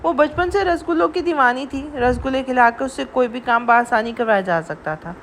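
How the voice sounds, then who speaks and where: A woman narrating a romantic audio novel in an even storytelling delivery. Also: high-pitched, slight background noise.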